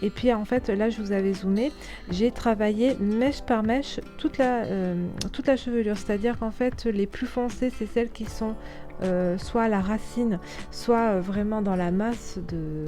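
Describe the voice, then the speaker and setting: A woman talks through a craft tutorial in a mellow, relaxed voice. She hesitates often and restarts her phrases as she explains. Soft music plays faintly under her voice. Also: medium pitch. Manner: hesitant, many fillers and restarts. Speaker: scrapbooking tutorial host. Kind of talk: casual voice-over tutorial.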